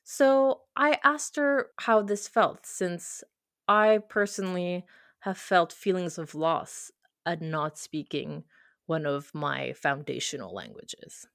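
Slow and expressive, with a lowish, creaky, slightly bright voice, a young woman from Quebec, French being her first language, narrates her own reflective personal story from a script. The studio-quality recording has no echo.

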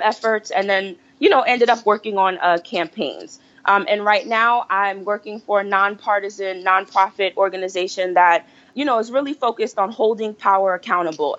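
A woman's voice: mid-range voice, fairly bright tone. A woman from New Jersey talking as a podcast guest about political organizing, explaining her points and often checking in with "right?". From United States (New Jersey). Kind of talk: casual conversation. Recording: dull, muffled audio.

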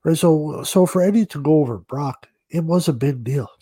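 A man co-hosting a podcast, chatting casually with self-deprecating jokes and halting restarts. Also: a little high, dark tone, breathy edge, no room sound. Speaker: podcast co-host, referee.

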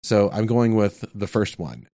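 A man answering coding quiz questions in a casual tech chat, thinking aloud with hesitant pauses and many ums. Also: lowish voice, expressive, mellow, no echo, studio quality. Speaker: quiz contestant.

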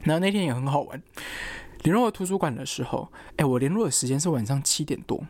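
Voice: mid-range voice, lively intonation, fast talker, a little mellow. A young adult student, casually telling a personal story and stringing thoughts together with fillers. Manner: chatty, quotes others, lots of fillers like "然后" and "anyway".

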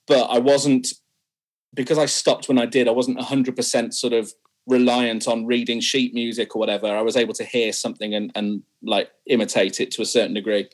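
As an interview guest, a young singer speaks candidly about his music, frequently laughing and downplaying himself. His voice is mid-range, his delivery flat and a little fast.

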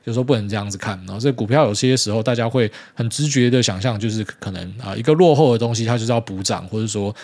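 A man talks through a solo podcast at a brisk clip. His voice sits somewhat low, and his relaxed commentary is dotted with casual sentence-final particles. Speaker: podcast host.

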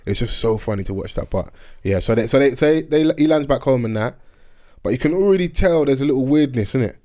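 A London man hosts a podcast, chatting casually in slang-heavy roadman street talk. He talks fast and expressively, with a warm, medium-pitched voice.

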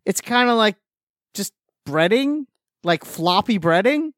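A man, a regular on a podcast, giving rambling, animated opinions in casual chat. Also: high-pitched, measured pace, no echo, studio quality.

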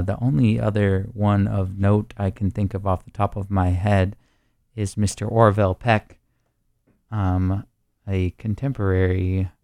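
A man's voice: fairly low pitch, clear, resonant tone, no room sound, clean studio sound. A man hosting a music radio show, speaking in a languid, theatrical, poetic manner. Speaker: radio host.

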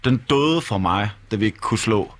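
En mand, der sludrer afslappet om fodbold og ofte gentager sine ord, når han leder efter dem. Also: male voice, on the low side, animated. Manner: stammering, repeats words. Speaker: football podcast panelist. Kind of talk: casual chat.

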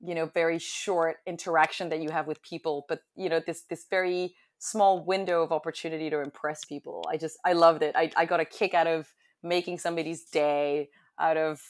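Guest: young woman, American accent, chatty, a little low-pitched. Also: little pitch movement, brisk. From France. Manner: chatty, with frequent fillers and restarts. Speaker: guest, hospitality business owner. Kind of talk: casual conversational interview.

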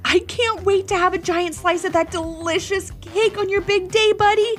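A woman's voice: extremely high pitch, fairly even intonation, normal speed, soft background music, voice pushed up. A woman voicing a cheerful father who dearly loves birthday cake, drawing out his words as he daydreams. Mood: enthusiastic.

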